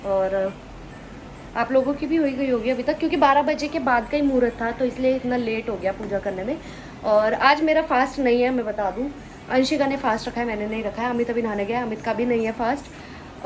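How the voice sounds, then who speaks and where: A woman's voice: fairly high pitch, a little hiss or hum, poor audio. A woman with a cold chatting casually to her viewers in a family vlog, rambling from one thing to the next. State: sick with a cold and fever. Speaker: vlogger.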